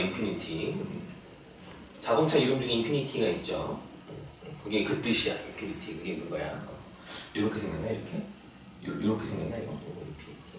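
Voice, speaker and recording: A man teaching a math lesson to a class, often checking that students follow. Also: on the low side. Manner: lively, asks students frequent check-in questions. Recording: echoey classroom from far off, faint noise.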